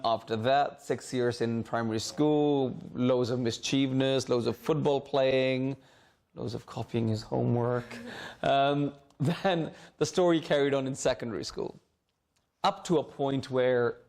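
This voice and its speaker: Seated in the school library, a middle-aged Hong Kong alumnus gives students an informal talk as a guest speaker. He has a medium-pitched, slightly mellow voice with fairly even intonation and a somewhat slow pace, often repeating words as he searches for phrasing.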